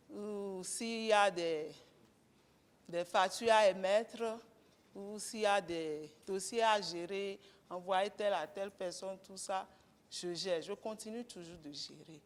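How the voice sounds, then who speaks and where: A woman, a guest speaker talking candidly and conversationally, with gentle humor, to a breakfast audience. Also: medium pitch, in a large hall. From Benin. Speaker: guest speaker, mechanic and garage co-owner.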